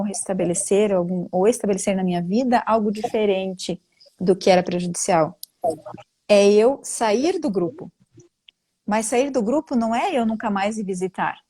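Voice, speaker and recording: Woman on a live stream, explaining family constellation stuff, earnest teacher vibe, pitch keeps jumping up. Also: a little mellow, husky. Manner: earnest, teacherly, with frequent rising pitch jumps.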